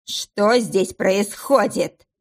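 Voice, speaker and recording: A woman's voice: mid-range voice, measured pace, close to an everyday voice. A woman reading aloud and voicing a stern, blustering middle-aged male office boss.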